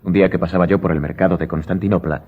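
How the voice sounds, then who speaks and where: Man playing the Count of Monte Cristo, deep and husky. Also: steady tone, phone-quality sound. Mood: composed, enigmatic. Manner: measured, laconic, self-assured. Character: mysterious, wealthy count, composed, cryptic and commanding. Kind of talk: Spanish-language radio drama acting.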